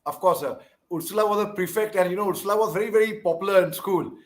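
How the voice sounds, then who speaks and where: A former army officer, now an interviewer, talks quickly in a high voice with an Indian English accent. His conversational manner is deferential and emphatic, and he tends to repeat himself.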